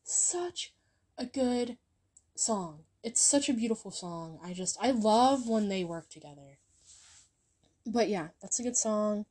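A woman's voice: mid-range voice, expressive, slow pace, a little mellow. A young woman chatting casually on her channel, recommending songs in a rambling way full of ums and likes. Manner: rambling, filler-heavy, lots of ums and likes. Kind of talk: casual music chat.

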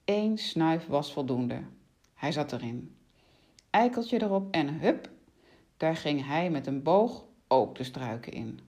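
A woman narrating a children's story aloud with expressive, animated delivery. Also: low-pitched, takes it slowly.

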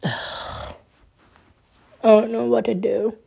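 A woman in her twenties talking through her troubles in a personal monologue, halting and subdued, restarting and repeating her words often. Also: fairly high pitch, fairly even intonation, vocal fry, warm tone, breathy edge. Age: 20s.

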